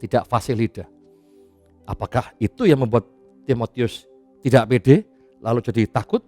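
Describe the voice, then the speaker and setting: A man preaching a sermon as pastor, in a chatty, animated way with casual asides and frequent laughs. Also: medium pitch, normal speed, no room sound, faint music behind.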